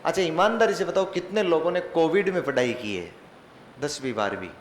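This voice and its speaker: Male teacher, slightly high voice, quizzing himself aloud, joking asides, roomy echo. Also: lively intonation, a little fast. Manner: joking, mock-dramatic asides; asks questions and answers them himself. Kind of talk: online exam-prep class. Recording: echoey room with faint ambient noise.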